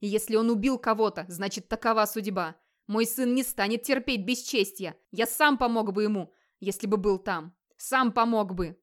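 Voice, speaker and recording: A woman's voice: medium pitch, normal speed, few pauses, natural voice. Woman voicing a furious old crippled father. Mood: furious defiant. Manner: shouting fiercely.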